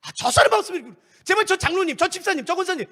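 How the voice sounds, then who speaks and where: A man's voice: very high voice, expressive, fast talker, sharp tone, pitched above the performer's own voice, heavily acted. A man acting out an exasperated churchgoer who wishes certain members would leave the church. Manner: exasperated, pleading complaint. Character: grown man, fed-up churchgoer wishing others gone.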